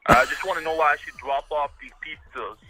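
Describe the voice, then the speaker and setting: A man's voice: fairly high pitch, brisk, over music, close to an everyday voice, low-quality recording. A man on a call-in line playing a pushy pizza delivery guy who keeps talking over the host. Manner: insistent, talks over the host. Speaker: caller.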